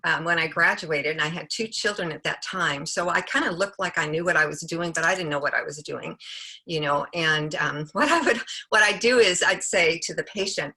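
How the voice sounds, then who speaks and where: A woman in her late sixties, a homeopathic practitioner, chatting and telling stories from her practice over a video call, acting out the people she quotes. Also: normal speed. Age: 60s. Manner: chatty, animated, acts out quotes with raised pitch. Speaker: homeopathic practitioner and book coauthor. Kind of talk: casual storytelling talk.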